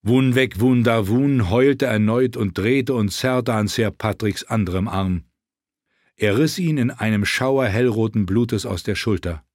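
A man narrating a fantasy novel aloud in a steady, measured reading. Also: fairly low pitch, dry recording, clean studio sound. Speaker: audiobook narrator.

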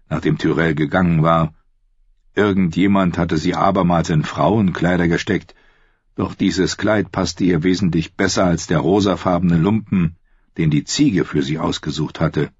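Deep, husky male audiobook narrator. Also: no echo. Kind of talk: scripted narration. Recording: dry, slightly dull studio audio.

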